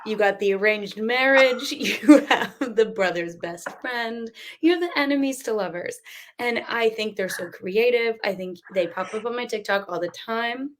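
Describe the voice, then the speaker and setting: A woman's voice: a little high, moderate pace, slight background noise. A woman co-hosting a podcast in casual chat, bubbly and enthusiastic, laughing often. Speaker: podcast co-host.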